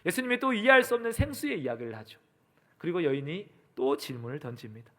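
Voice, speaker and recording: A man's voice: on the high side, big pitch swings, quick pace, a bit bright. A middle-aged male pastor preaching a sermon, stressing rising questions to the congregation.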